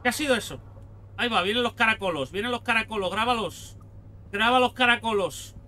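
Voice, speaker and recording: A man from Spain playing a co-op game with friends, shouting, swearing and panicking as he talks. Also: high-pitched, fairly quick. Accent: Spain Spanish. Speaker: gaming youtuber. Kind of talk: excited multiplayer gameplay chat.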